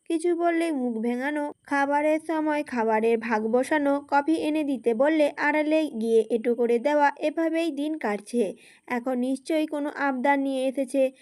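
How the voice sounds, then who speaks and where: A woman storyteller giving a steady, expressive scripted narration of a romance story. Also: sits high.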